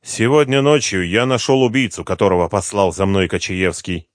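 A man's voice: lowish voice, lively intonation, moderate pace, no echo, clean studio sound, voice pushed up, natural voice. A male audiobook reader voicing a dying, desperate middle-aged former KGB officer who pleads in a strained voice and breaks into coughs. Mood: weary.

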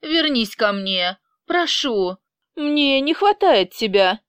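A woman's voice: fairly high pitch, very animated, slow, a bit bright, clean tone, no echo, studio quality, voice pushed up, full character voice. A woman voicing a possessive, obsessive man who talks in an insistent, menacing way. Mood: pleading.

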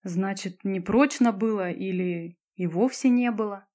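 A composed teenage newcomer who answers quietly and evenly, voiced by a woman reader. She stays steady under pressure. Barely set apart from the narration. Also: mid-range voice, a little slow, close to an everyday voice. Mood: calm. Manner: calm, even. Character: calm, composed new girl at school.

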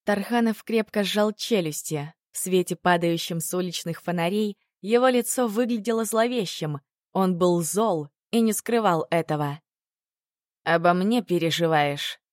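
A woman narrating a first-person novel in an expressive reading voice. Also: medium pitch, normal speed, no room sound, studio quality. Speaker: audiobook narrator.

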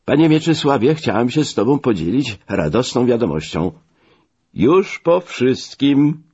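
A man voicing a feverish, stubborn, wealthy older country gentleman who speaks in a pleading, secretive way. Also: fairly low pitch, lively intonation, takes it slowly, creaky, slightly rough, voice pushed up, full character voice. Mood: relieved. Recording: dull lo-fi recording.

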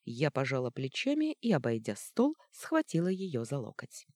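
A woman reading a first-person story aloud, expressive and ironic in tone. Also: rumbling low, normal speed, no echo, studio quality. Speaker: narrator. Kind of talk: first-person audiobook narration.

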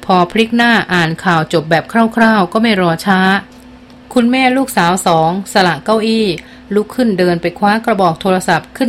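Female audiobook narrator, mid-pitched, steady novel reading, faint background hiss.

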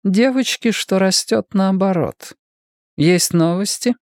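A man voicing a calm, commanding woman leader. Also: medium pitch, dry recording, pitched above the performer's own voice, lightly acted. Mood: quietly probing. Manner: measured, authoritative, quietly commanding. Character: stern woman head of government, calm, commanding. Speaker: political leader.

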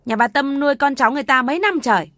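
A woman's voice: high voice, expressive, racing, a bit bright, no echo, studio quality, voice pushed up. A woman voicing a snide older village woman gossiping in a mocking tone.

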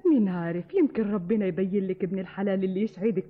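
An actress in an old Egyptian radio drama playing a gentle young sister who soothes and cautions, with an Egyptian accent. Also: female voice, mid-range voice, very fast, lightly acted. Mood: soothing. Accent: Egyptian Arabic. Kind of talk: 1950s radio drama acting. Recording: dull old radio recording.

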